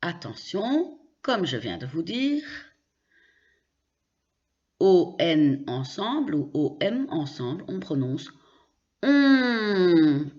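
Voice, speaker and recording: A woman's voice: deep voice, sing-song, slow pace, pauses often, dark tone, muffled recording. A woman teaching French pronunciation, spelling out letters and carefully repeating example words. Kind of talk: slow pronunciation lesson.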